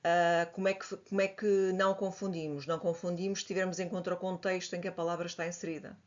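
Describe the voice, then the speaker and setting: A woman with a European Portuguese accent, teaching a grammar lesson and patiently explaining, spelling examples out slowly. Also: fairly low pitch, level tone. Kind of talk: slide-based grammar lesson. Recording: dull lo-fi audio.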